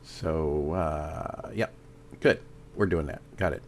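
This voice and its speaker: Slow, deep-voiced Southern man playing a game. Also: slight background noise. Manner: thinks aloud, halting with fillers. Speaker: gameplay commentator. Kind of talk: casual let's-play commentary.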